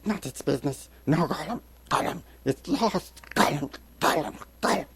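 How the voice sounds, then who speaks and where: A man voicing Gollum, a wicked, miserable cave creature who mutters obsessively to himself in a hissing, whispery voice that turns shrill in a dramatic storybook reading. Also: animated, moderate pace, a bit bright, breathy edge, full character voice. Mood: miserable, suspicious.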